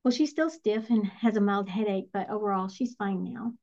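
A middle-aged woman, a spiritual energy coach, telling a personal story in an earnest, reflective, softly emotional way. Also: mid-range voice, moderate pace. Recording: slightly muffled lo-fi recording.

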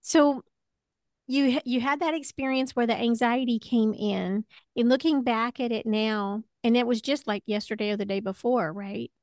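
A woman with a slightly high voice talks one-to-one as a spiritual coach. She offers gentle, reassuring guidance in a conversational way. The sound is very dry, with no room around it. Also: fairly even intonation, moderate pace, no room sound.

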